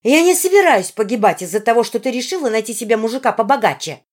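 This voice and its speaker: A woman's voice: a little high, expressive, fast talker, pitched above the performer's own voice. A woman reading an audiobook, voicing a jealous young woman who screams threats in a rage. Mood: furious. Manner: shrieking, raging. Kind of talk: audiobook character voice.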